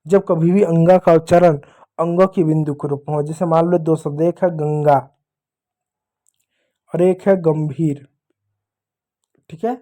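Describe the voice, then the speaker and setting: Mellow-voiced male teacher, patient with kids, spells things out slowly. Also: a little high, steady tone. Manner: slow, patient, repeats points to young pupils; spells out letters slowly one by one. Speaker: English teacher. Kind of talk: explaining to children.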